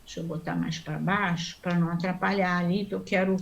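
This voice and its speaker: A woman's voice: lowish voice, fairly even intonation, creaky, dull audio. Patient woman teaching Sanskrit chant marks. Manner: patient, explains step by step, often checks in with the class; chants mantra syllables slowly. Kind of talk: online class explanation.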